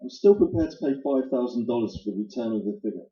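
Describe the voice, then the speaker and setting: A man plays a suave foreign dealer in a 1940s-style radio play, formal and silky even when he threatens. The voice is dark and mellow. It sits in a roomy, slightly dull recording. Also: mid-range voice, quick pace, lightly acted. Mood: coolly threatening. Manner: formal, oily politeness. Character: suave, polite, menacing male foreign dealer.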